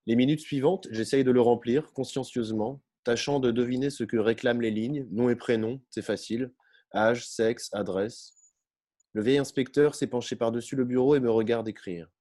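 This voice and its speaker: A man reading a first-person novel aloud as narrator, in a measured, unhurried way. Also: medium pitch, mellow.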